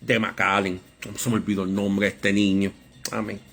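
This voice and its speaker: A man preaching a Bible study sermon, with a lively storytelling manner that acts out voices in anecdotes. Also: lowish voice, moderate pace, soft background music.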